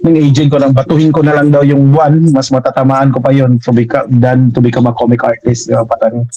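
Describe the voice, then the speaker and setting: A man from Mindanao with a Filipino accent, a guest comic artist telling stories in a lively, animated way in a casual talk. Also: medium pitch, fairly quick, dry recording, muffled recording. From Mindanao, Philippines. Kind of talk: casual storytelling.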